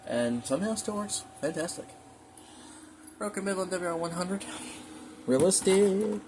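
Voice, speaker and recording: Showing off his collection from inside his home, a hobbyist narrates in a folksy, easygoing way and mutters to himself now and then. His voice sits high with a darkish tone, expressive and moderately paced, over the chatter of weather radios and background noise.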